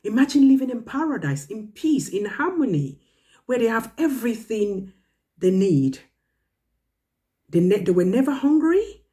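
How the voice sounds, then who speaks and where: This time her voice is a little high and dark in tone, swinging widely in pitch at an unhurried pace. She remains the storyteller for children, instructive, earnest and emphatic as she draws moral and religious lessons.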